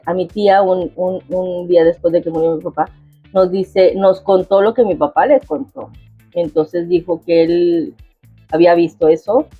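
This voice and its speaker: A woman's voice: mid-range voice, dark tone, breathy edge, no echo, muffled recording. A middle-aged woman with a Mexican accent, chatting casually to viewers in a rambling way, full of asides. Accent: Mexican Spanish. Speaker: cooking vlogger.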